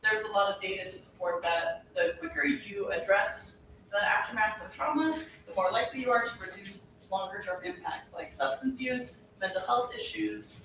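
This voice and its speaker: A policy presenter giving a formal, explanatory briefing to a legislative committee, earnest and often pausing on fillers. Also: mid-range voice, fairly bright tone. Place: legislative hearing room. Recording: echoey hearing room from far off, with background noise.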